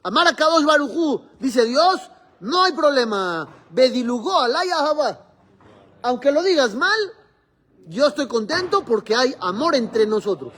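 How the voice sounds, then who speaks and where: Rabbi guy giving a class, high voice for a man, keeps asking the students questions as he explains. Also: very animated, measured pace, fairly bright tone. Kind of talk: religious class lecture.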